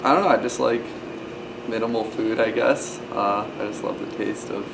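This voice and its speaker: Gravelly low-voiced young man. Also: moderate pace, noisy background. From New York. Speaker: interviewee. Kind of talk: casual interview answers.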